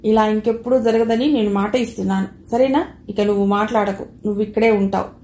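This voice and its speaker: A woman's voice: medium pitch, steady tone, fairly quick, dark tone, echoey room, slight background noise, lightly acted. A woman voicing a stern, commanding middle-aged man who heads the household, in an audio novel. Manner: stern and authoritative.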